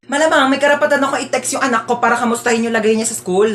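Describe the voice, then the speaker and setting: A woman's voice: fairly high pitch, fairly even intonation, rapid-fire. A woman acting out sassy comedy skits, switching between characters with exaggerated delivery. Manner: sassy, exaggerated, playing many roles. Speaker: comedy skit creator. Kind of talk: comedic skit role-play. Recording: noisy home video.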